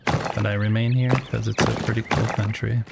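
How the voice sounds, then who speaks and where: A man's voice: on the low side, level tone, moderate pace, vocal fry, very noisy. A man from the United States chatting casually to viewers while building in a game, musing aloud as he works. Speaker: streamer.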